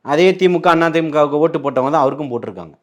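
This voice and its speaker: A man's voice: on the high side, very fast. A man, speaking as a party spokesman in a heated political interview, combative and full of rhetorical questions.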